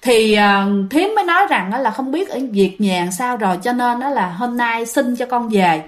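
High, lively Southern Vietnamese woman storyteller. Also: normal speed. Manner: chatty, addresses listeners directly. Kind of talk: casual spoken ghost story retelling.

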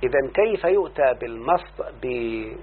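Egyptian male teacher, mid-pitched, drills a student with questions, lo-fi tinny tape with hum. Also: animated, normal speed. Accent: Egyptian Arabic. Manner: checks understanding with constant questions to the student. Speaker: teacher of Arabic morphology. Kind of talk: classroom lesson. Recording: tinny lo-fi recording with faint hum.

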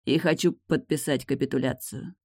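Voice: mid-range voice, moderate pace, no echo, clean studio sound, lightly acted. A narrator voicing a brash, stubborn man who talks bluntly and teasingly in an audiobook. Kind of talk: audiobook character voice.

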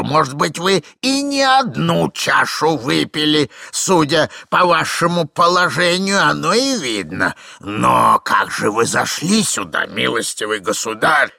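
A man voicing a fussy, frantic elderly husband who shouts in a shrill, flustered way. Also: big pitch swings, measured pace, vocal fry, few pauses, breathy edge, dry recording, clean studio sound, exaggerated voice. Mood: indignant.

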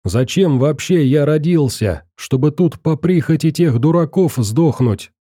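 A man doing a shrill, ranting bandit prisoner. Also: lively intonation, measured pace, mellow, dry recording, studio quality. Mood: hysterical. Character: hysterical desperate male bandit prisoner.

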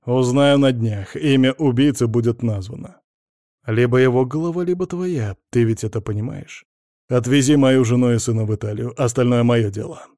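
A man reading an audiobook, voicing a domineering wealthy husband who shouts with scorn. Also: medium pitch, normal speed, no echo, studio quality, natural voice. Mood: cold.

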